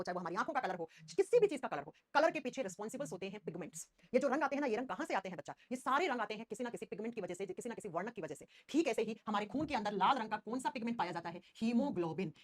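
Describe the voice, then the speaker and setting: A woman in her thirties teaches an exam-prep class at a rapid clip. Her voice sits high and swings widely in pitch, with a husky edge. She keeps firing questions at her students and answering them herself.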